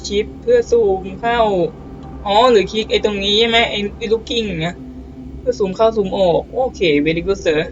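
A man giving casual let's-play commentary on a naval battle game, excitable, swearing casually and exclaiming often. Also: high voice, normal speed, highs cut off, a little hiss or hum.

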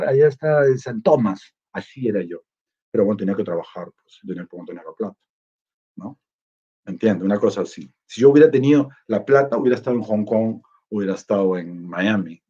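Chatty man with a husky voice. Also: medium pitch, warm tone. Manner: rambling and chatty, reads comments aloud and reacts. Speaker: travel vlogger reading live chat. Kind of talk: casual livestream chat. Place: indoors, in Lima. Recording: dull lo-fi sound.

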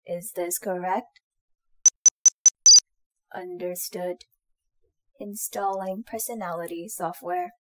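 In a very noisy recording, a medium-pitched woman lightly acts the part of a shy, affectionate young companion droid in a roleplay audio drama. Her tone toward the listener is soft and sweet, yet polite and formal.

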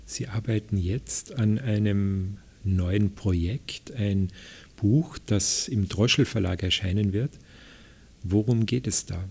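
A male interviewer asks brief questions slowly and deliberately. His voice is low and husky, with a breathy edge. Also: a little mellow.

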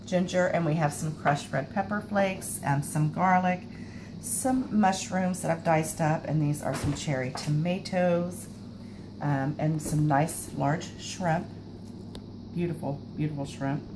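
Speaking at a measured pace in a voice that sits low, a woman in her forties hosts a relaxed cooking show from her home kitchen. The camera mic picks up background noise, and her talk is chatty, self-deprecating, and laden with fillers.

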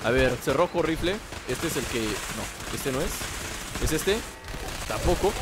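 Over video game ambience, a man with a Mexican accent rambles playfully through his let's play commentary, talking to both himself and his audience. His medium-pitched voice is animated yet a little slow.

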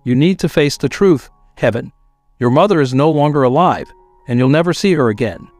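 Guy reading as a mean orphanage kid, plain dry voice, middle pitch. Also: animated, fairly quick, darkish tone, no echo, soft background music, natural voice. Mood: taunting. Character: mocking orphanage child, a bully.

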